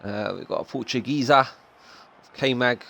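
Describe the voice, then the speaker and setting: A young man commentating a sim racing league, excitable and chatty with casual slang. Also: mid-range voice, a little slow, vocal fry. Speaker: race commentator.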